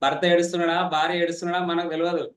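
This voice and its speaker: In an online meeting, a man teaches a public speaking class with a slightly high voice and fast delivery. He's animated and teases his students, and the room adds a roomy echo to his voice.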